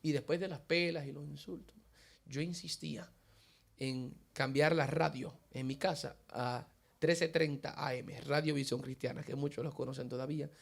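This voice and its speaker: A man with a slightly high voice and a gravelly fry tells his personal faith testimony in an interview. He tells his story vividly and acts out the voices in the dialogue he quotes. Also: fairly even intonation, normal speed.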